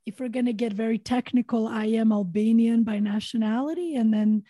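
A woman's voice: on the high side, fairly quick, mellow, no room sound. A woman from Montenegro, a podcast guest, talking earnestly in a reflective interview with many fillers and repeated words.

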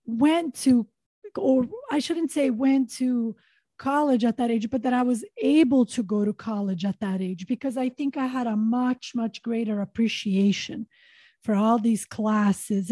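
A woman's voice: a little high, measured pace, mellow, dry recording. A woman from Montenegro, a podcast guest, talking earnestly in a reflective interview with many fillers and repeated words.

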